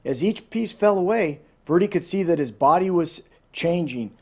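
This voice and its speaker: A man with a somewhat high-pitched voice reads a children's storybook aloud at normal speed. His telling is expressive with lively intonation, and he drops into informal asides the way a storyteller would.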